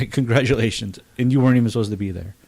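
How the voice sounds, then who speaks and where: A man with a fairly low voice picks a film apart bluntly, with open scorn and frequent swearing. His voice sounds close and dry, with no room around it. He talks in a casual roundtable style. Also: racing, gravelly, mellow, no echo. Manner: blunt, profane, scornful criticism. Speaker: film reviewer. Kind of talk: casual movie review chat.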